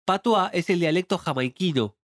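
A man with an Argentine Rioplatense accent, co-hosting a casual podcast chat with crude, animated joking. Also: sits high, moderate pace, no echo, clean studio sound. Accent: Argentine Rioplatense Spanish. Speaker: podcast co-host.

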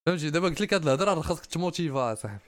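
A man's voice: fairly high pitch, expressive, rapid-fire, no echo. A young man with a Moroccan accent chats casually as a podcast host, giving emphatic, motivational advice and dropping in French and English phrases. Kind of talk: casual chat, answering listener questions.

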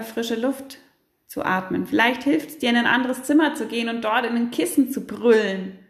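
A woman hosting a parenting podcast, giving casual advice in a lively way with many fillers and acted-out angry outbursts. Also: fairly high pitch, gravelly, roomy sound. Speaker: podcast host, parenting coach.

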